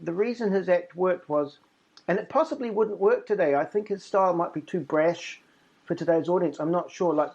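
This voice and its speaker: A man, a magician guest, reminiscing in halting, self-correcting casual talk. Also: high-pitched, darkish tone. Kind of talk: casual interview chat. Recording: dull lo-fi remote line.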